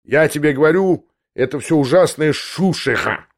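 A man's voice: fairly high pitch, lively intonation, normal speed. A man voicing an irritable, domineering young man who snaps and rants. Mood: ranting. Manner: irritable, snapping.

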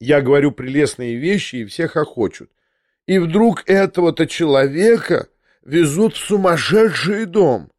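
A man reading an audiobook, voicing a frail, frightened old prince who pleads in a slow, trembling voice and slips into French. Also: a little high, expressive, no room sound, clean studio sound, voice pushed up. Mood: tearful. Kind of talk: audiobook character voice.

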